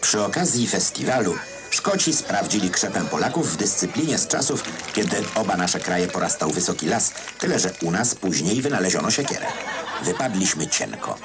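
A man's voice: low voice, very animated, moderate pace. A man reads scripted old newsreel narration in a wry, ironic manner. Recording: newsreel soundtrack with loud music behind. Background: music.

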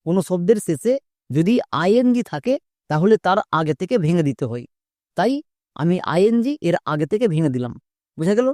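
A patient woman teacher takes her students through words one letter at a time, checking in with them as she goes. Her voice is mellow and sits in a middle pitch. The recording is dry and close, with little room sound. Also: dry recording. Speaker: English pronunciation teacher. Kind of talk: spoken lesson for students.

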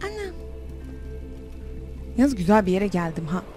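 A woman's voice: medium pitch, very animated, unhurried, dark tone, soft background music. A young woman playing a horror game on facecam, talking to herself and shrieking when frightened. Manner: jumpy, talks to herself, shrieks when scared. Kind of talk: let's play commentary. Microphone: desk mic with facecam.

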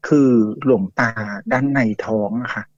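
A man's voice: mid-range voice, steady tone, a little slow, no room sound. A man telling a ghost story to a host in a chatty, casual way, full of fillers and acted-out quotes. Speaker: guest storyteller. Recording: dull lo-fi dry audio.

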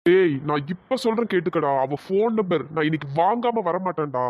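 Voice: mid-range voice, expressive, a little fast, close to an everyday voice. A voice performer playing a brash young man who boasts and pushes a girl for her phone number, with a bossy manner. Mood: boastful. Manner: bossy and threatening, then pleading. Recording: dull lo-fi voice track.

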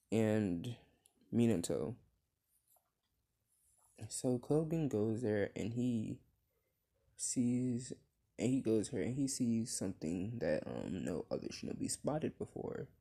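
Slow, dark-voiced young man rambling a story. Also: medium pitch, animated. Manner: rambling, many fillers and restarts. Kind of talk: improvised fan-fiction storytelling.

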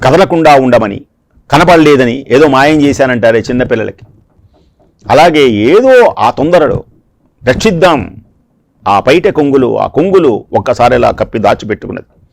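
A man's voice: medium pitch, animated, moderate pace, creaky, pauses often, no room sound. A man giving a devotional discourse, telling a scripture story dramatically and repeating phrases for emphasis. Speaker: discourse speaker.

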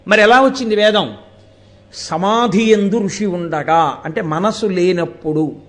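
A man's voice: high-pitched, unhurried, a bit bright. A man giving a live devotional discourse to an audience, asking rhetorical questions and quoting verses as he explains. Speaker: spiritual discourse speaker.

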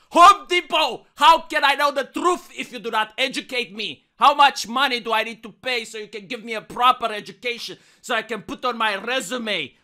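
A young adult man acts as a comedic narrator, delivering a satirical dramatic reading like a hammy stage actor. Pompous and theatrical, his high-sitting voice swings from hushed lines to loud declaiming.

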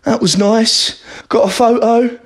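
A man narrating his own vlog in a flat, self-mocking way. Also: very high voice, unhurried.

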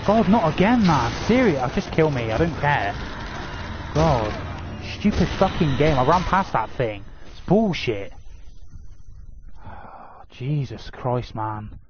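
A man streaming a horror game live, swearing and grumbling at the game to his viewers. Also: mid-range voice. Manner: frustrated, swearing, talking to viewers. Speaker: gaming streamer. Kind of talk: live gameplay commentary. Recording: dull lo-fi stream audio with game noise.

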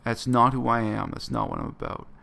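A man's voice: medium pitch, huge pitch swings, brisk, creaky, sharp tone. A man, talking earnestly and bluntly to his webcam in a small bedroom. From Canada. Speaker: vlogger. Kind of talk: reflective personal monologue to camera.

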